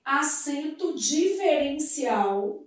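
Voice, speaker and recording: A woman teaching a grammar lesson, explaining each point step by step and asking the class quick questions. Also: high voice, expressive. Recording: echoey room, far from the mic.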